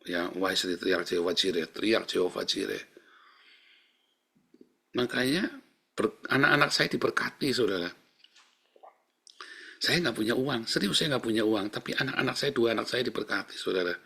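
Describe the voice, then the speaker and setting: A middle-aged man preaches, chatting with his congregation rather than lecturing. His voice is gravelly, a little husky, with a bright, forceful edge. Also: medium pitch, expressive, moderate pace. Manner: conversational, addresses audience as "saudara", mixes Javanese words. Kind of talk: sermon.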